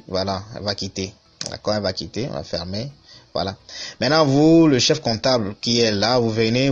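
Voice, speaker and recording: A man giving a screen-recorded accounting software tutorial, repeating himself and checking in often with the listener. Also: lowish voice, breathy edge. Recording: dull lo-fi voice-over with faint music.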